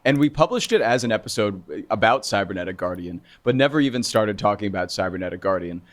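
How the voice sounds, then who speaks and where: A man's voice: lowish voice, animated, quick pace. A man from Long Island co-hosting a casual podcast, playful and teasing as he riffs on jokes. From Long Island, New York. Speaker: podcast co-host.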